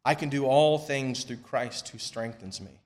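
A man preaching a sermon and leading prayer at a pulpit microphone in a church, reading scripture in a measured, emphatic way that falls soft at the ends of phrases. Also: mid-range voice. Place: church sanctuary.

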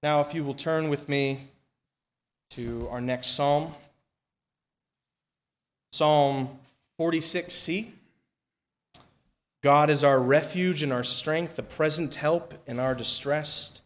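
A man preaching a sermon and leading prayer at a pulpit microphone in a church, reading scripture in a measured, emphatic way that falls soft at the ends of phrases. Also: fairly high pitch. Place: church sanctuary.

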